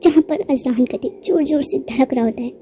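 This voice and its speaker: Chatty woman narrator for a manga recap, high and mellow, slight background hiss. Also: a little fast. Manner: chatty storytelling, laughs now and then.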